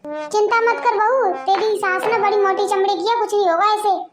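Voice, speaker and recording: Woman voicing a shrill, bossy older aunt. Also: normal speed, very noisy. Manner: scolding, domineering. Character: bossy older aunt, stern but caring. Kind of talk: family drama voice acting.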